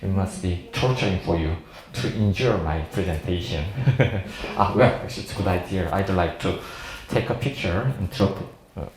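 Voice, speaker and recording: Lecturing informally to a medical seminar audience, a South Korean plastic surgeon in his 40s talks in halting, non-fluent, Korean-accented English, chuckling frequently and staying jovial. His fairly low voice sounds a little mellow, and the room he's recorded in is echoey.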